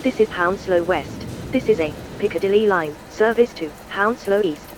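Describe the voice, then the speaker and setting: A woman voicing an automated train announcement, speaking in a calm, even and formal way. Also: medium pitch, normal speed, background noise, natural voice. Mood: announcing. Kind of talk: recorded transit announcement.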